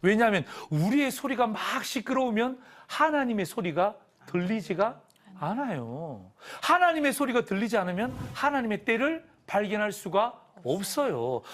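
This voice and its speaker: A middle-aged male pastor teaching a televised Bible class. He talks in an animated way, acts out scenes and leads the audience in call-and-response. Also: high voice. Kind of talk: lively televised Bible lesson.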